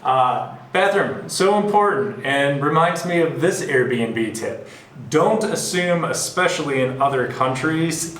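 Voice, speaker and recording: A man's voice: mid-range voice, a bit bright, a little hiss or hum. A man vlogging casual travel tips from a bare concrete bathroom, his voice echoing like in a cave. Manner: chatty, giving tips. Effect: cave-like echo from the bare concrete walls. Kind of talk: casual walkthrough.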